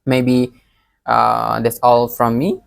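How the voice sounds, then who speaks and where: A young man with a Palembang Indonesian accent gives a recorded exam presentation as an education student, halting and often repeating words. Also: medium pitch, level tone, creaky, clean tone, no echo. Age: young adult.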